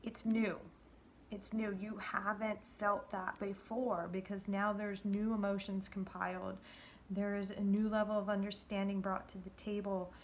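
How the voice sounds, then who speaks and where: A woman giving a gentle, intuitive tarot card reading to viewers, talking in a halting way with many fillers and restarts, sometimes dropping to a whisper. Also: medium pitch, little pitch movement, slight background noise.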